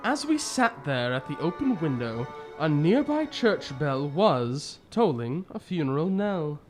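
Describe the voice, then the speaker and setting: A man playing a genial older English gentleman doctor who tells his tales in old-time radio drama style, avuncular and hesitant. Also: on the high side, big pitch swings, unhurried. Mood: reminiscing. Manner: avuncular, chuckling, hesitant delivery. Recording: music behind the voice.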